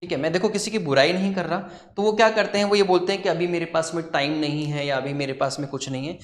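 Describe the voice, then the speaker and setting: High-voiced chatty male teacher, echoey room. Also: fast talker. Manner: chatty, storytelling, says "ठीक है" often. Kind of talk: classroom lecture with a joke. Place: coaching classroom.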